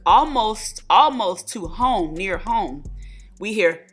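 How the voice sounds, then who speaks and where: A woman, telling a story to her viewers while doing her makeup, chatty and animated, calling them y'all and honey. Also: medium pitch, slow, husky, soft background music. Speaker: beauty vlogger.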